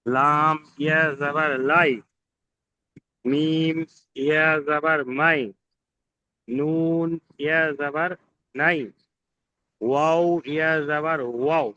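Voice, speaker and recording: A male student recites Arabic letter drills one after another in a steady, even drone. His voice is bright and very crisp, delivered slowly with little rise and fall, and the recording is dry and close. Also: a little high, no room sound, poor audio.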